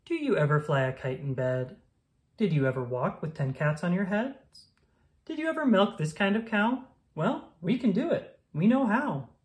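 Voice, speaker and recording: A woman with a medium-pitched voice reads a rhyming children's picture book aloud, playful, sing-song and expressive.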